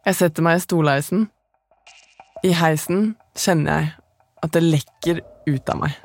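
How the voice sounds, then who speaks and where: A woman, the podcast's narrator, telling her own story in calm, measured, scripted first-person narration. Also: low voice, faint music behind.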